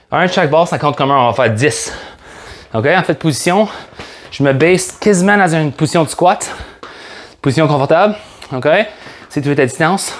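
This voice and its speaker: A man with a Québécois French accent, leading a workout as a fitness coach, upbeat and joking as he counts reps aloud. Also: a little high. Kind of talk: guided workout instruction.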